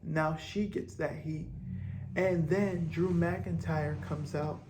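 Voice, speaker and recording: A man with a somewhat high voice lays out wrestling storylines at an unhurried pace. He rambles and restarts his sentences as he speculates. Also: steady tone, noisy background. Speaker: host. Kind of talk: wrestling fantasy-booking commentary.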